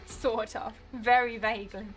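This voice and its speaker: A woman's voice: a little high, steady tone, measured pace, faint music behind, rough recording. A British woman chatting casually while streaming a game, rambling and laughing often. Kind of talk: casual gameplay commentary.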